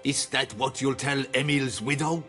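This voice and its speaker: A man's voice: medium pitch, moderate pace, bright, forceful tone, soft background music, close to an everyday voice. A man doing a solemn, accusing quarry worker. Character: grave, reproachful male quarry worker. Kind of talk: fan dub of a video game.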